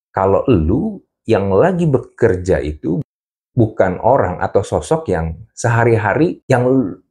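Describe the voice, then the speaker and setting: A man hosting a self-improvement monologue, talking casually and slangily straight to the listener and acting out everyday examples. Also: fairly low pitch. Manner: animated, acts out examples. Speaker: podcast host.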